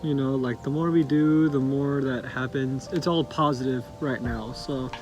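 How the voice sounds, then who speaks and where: A man's voice: medium pitch, steady tone, normal speed, darkish tone. A man co-hosting a vlog, talking casually in informal, conversational phrasing. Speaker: vlog co-host. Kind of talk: casual couple vlog chat. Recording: music behind speech.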